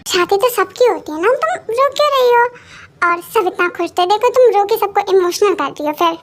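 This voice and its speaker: A woman voicing a caring young friend who gently coaxes a crying bride in a fan audio story. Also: very high voice, expressive, fairly quick, a little hiss or hum. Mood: coaxing. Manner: soothing, coaxing.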